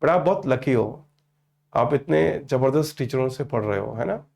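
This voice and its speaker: A man's voice: mid-range voice, lively intonation, normal speed, creaky, a little mellow. A man in his fifties, a teacher chatting and teasing with students in an online class, often calling them "beta". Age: 50s.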